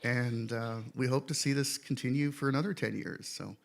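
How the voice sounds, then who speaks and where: Gravelly-voiced man organizing a conference. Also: mid-range voice, moderate pace. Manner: relaxed, self-deprecating, rambling. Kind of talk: live panel remarks. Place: conference stage, live audience.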